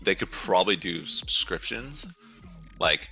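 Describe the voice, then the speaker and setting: A young man in his twenties with a very deep voice co-hosts a relaxed podcast. His tone is strikingly bright and sharp, and he chats loosely, acting out his own reactions, over faint music. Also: unhurried, gravelly. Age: 20s. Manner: casual, quotes his own thoughts aloud. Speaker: podcast co-host. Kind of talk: casual chat.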